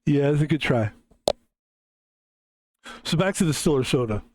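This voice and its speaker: A man's voice: on the high side, expressive, normal speed, darkish tone, no echo. Rambling game streamer man from Philadelphia. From Philadelphia, USA. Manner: rambling, self-interrupting storyteller. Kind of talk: casual stream chat.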